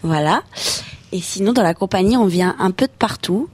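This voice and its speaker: A woman from Haute-Savoie who belongs to a circus company talks in a friendly, matter-of-fact way. Her voice has a mid pitch. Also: animated, moderate pace, a little mellow, slightly rough. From Haute-Savoie, France. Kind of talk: casual radio interview.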